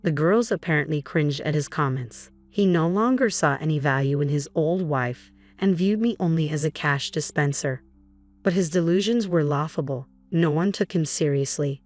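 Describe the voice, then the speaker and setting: Low-voiced woman narrating calmly. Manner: calm, cold, measured. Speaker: storyteller. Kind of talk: scripted first-person narration.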